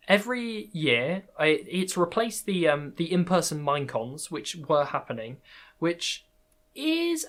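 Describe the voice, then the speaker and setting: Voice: medium pitch, fairly bright tone. A podcast host in casual conversation, talking hesitantly with many fillers and restarts and laughing often.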